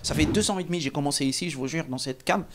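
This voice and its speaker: A man whose first language is Arabic, doing stand-up in French with an earnest, emphatic delivery. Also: a little high. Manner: earnest, emphatic, fast talker. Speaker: stand-up comedian. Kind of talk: stand-up monologue.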